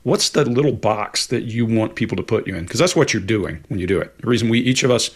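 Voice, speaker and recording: A man in his late fifties co-hosting a live Q&A over a video call, answering questions in a relaxed, explanatory way. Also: on the low side, quick pace, slightly rough. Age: 50s. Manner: relaxed, explanatory, laughs easily. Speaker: co-host. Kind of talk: casual live Q&A chat. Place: home office with bookshelves. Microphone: video call webcam.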